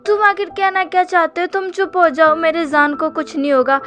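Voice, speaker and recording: A woman voicing a tearful older sister who insists, close to shouting, that her brother will be saved. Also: very high-pitched, fairly even intonation, normal speed, voice pushed up. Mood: desperate. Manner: shouting through tears, insistent.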